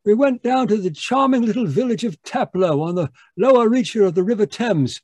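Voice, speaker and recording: A man's voice: sits high, expressive, moderate pace, a little mellow, slightly rough, no echo. A man playing a fussy, genial older doctor who stammers and repeats himself while recounting old cases in a radio drama. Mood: genial, reminiscing. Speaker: storytelling narrator character. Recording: live video-call performance.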